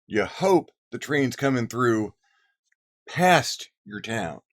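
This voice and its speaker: A man's voice: mid-range voice, very animated, takes it slowly. A man putting on a folksy cowboy drawl. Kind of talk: cowboy voice in a monologue.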